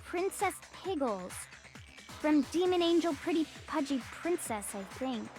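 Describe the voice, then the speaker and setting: A woman playing an excitable, naive schoolgirl in an anime game dub, exaggerated and dramatic. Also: sits high, unhurried. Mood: puzzled. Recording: loud background music.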